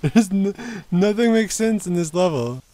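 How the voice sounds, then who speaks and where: A man's voice: high-pitched, lively intonation, moderate pace, warm tone, no room sound. A man chatting and joking as a co-player during casual let's-play commentary, laughing often.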